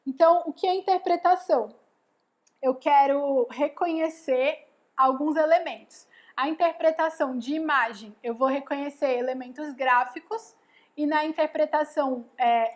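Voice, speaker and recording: A woman giving a casual live lesson, explaining step by step and often checking in with "né?" and "tá bom?". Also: high-pitched. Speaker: educator giving a live class.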